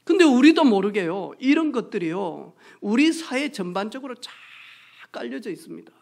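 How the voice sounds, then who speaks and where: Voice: medium pitch, moderate pace, gravelly. Pastor preaching in church, voice swings all over, acts out what people said. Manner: lively storytelling with acted-out quotes and hushed asides. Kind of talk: sermon. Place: church sanctuary.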